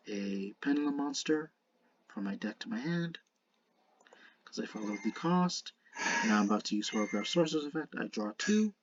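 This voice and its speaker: A man with a slushy lisp on his s sounds gives casual, unscripted commentary to viewers as a video creator, earnest and halting, often restarting his words. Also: mid-range voice, muffled recording, slight background noise. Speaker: video creator narrating a card game duel.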